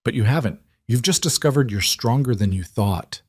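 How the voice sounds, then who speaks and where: A man voicing a calm, firm woman who comforts gently but speaks with authority. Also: mid-range voice, moderate pace, dry recording, clean studio sound, close to an everyday voice.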